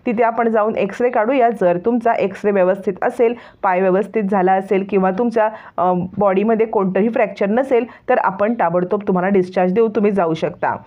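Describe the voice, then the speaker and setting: A woman voicing a calm, composed young doctor who explains things patiently. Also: medium pitch, brisk, few pauses, natural voice. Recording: tinny phone-like sound.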